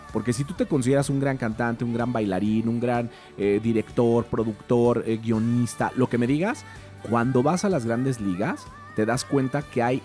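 A man with a Mexican accent retelling a film in an animated, chatty way, full of fillers. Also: medium pitch. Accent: Mexican Spanish. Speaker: film commentator.

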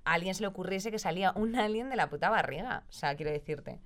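A woman's voice: lowish voice, quick pace. A woman from Spain with a Spanish accent, co-hosting a casual chat show and talking freely, with casual swearing. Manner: chatty, swears casually, calls her co-host "tía". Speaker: vodcast co-host.

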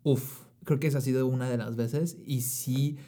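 A young Mexican man co-hosting a podcast, with a strong, loud voice, excitable and slangy in casual chat. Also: mid-range voice, moderate pace. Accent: Mexican Spanish. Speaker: podcast co-host.

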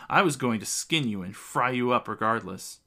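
A man voicing a fierce young male warrior who is quick to anger and speaks in an urgent, demanding way. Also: medium pitch, lively intonation, sharp tone.

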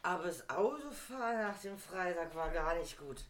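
A woman's voice: lowish voice, lively intonation, moderate pace, echoey room, slight background noise. A woman co-hosting a podcast, chatting playfully and giggling with friends over wine. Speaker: podcast co-host. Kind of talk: casual tipsy chat.

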